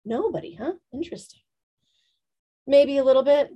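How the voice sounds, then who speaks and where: A woman leading a workshop, talking quickly and asking the room questions. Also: sits high, animated, muffled recording. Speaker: workshop teacher. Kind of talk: teaching a live group.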